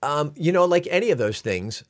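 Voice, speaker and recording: A man in his fifties, an actor appearing as a guest, telling animated stories in a casual interview. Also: fairly high pitch, normal speed. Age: 50s. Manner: animated storyteller, lots of fillers and restarts.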